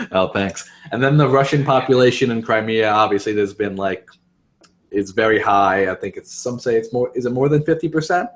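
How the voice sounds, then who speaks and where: A man's voice: medium pitch, lively intonation, normal speed, a little hiss or hum. A man hosting a political podcast, talking in a hesitant way with many fillers. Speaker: podcast host. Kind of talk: casual political discussion.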